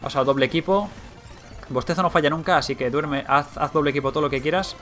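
A young man with a Spain Spanish accent commentating a video game as he plays, thinking aloud, getting excited and swearing. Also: on the high side, fast, soft background music. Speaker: let's play gamer.

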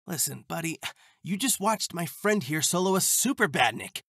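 In an amateur comic dub, a man plays a cocky, laid-back young hedgehog hero, teasing and self-assured with a breezy, confident air. His voice sits on the high side, slightly bright, creaky and a little rough, very expressive and heavily acted at a moderate pace. Music plays behind him, with no echo.

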